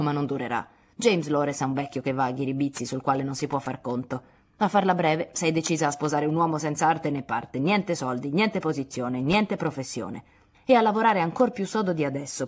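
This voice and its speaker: An imperious old aunt, as a woman reader puts her on, sarcastic and lecturing. The voice sits low and sounds husky and breathy, scolding a young woman in an audiobook scene. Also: a little mellow. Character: domineering, scornful wealthy old aunt. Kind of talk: audiobook dialogue reading.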